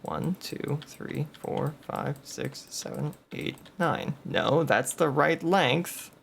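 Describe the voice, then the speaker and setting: A man's voice: fairly high pitch, slow, gravelly, slight background noise. A man hosting a gameplay video, thinking aloud and muttering numbers as he plays. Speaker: game video host. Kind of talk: casual gameplay commentary.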